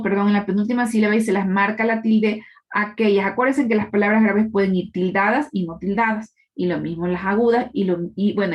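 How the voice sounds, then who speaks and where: Her mid-range voice comes through with a lo-fi sound as she teaches a live online class. She explains patiently and keeps checking in with her students using tag questions.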